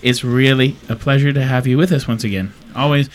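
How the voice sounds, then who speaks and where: A man's voice: medium pitch, fairly even intonation, fairly quick, slight background noise. A man hosting a radio talk show, opening it in a cheerful, welcoming way.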